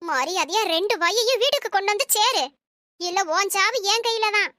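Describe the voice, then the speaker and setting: A shrill, very high and piercing old auntie in a cartoon comedy. She scolds and bickers with sarcasm, bossy and quick-tempered. The recording is dry and close. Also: pushed and bright, dry recording. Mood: scolding. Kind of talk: animated comedy voice acting.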